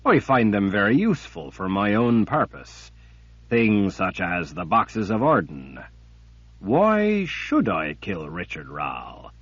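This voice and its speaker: A man voicing a cruel, patient male emperor villain who speaks in a cold, deliberate, menacing way. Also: low voice, husky, no echo, heavily acted. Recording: dull lo-fi recording.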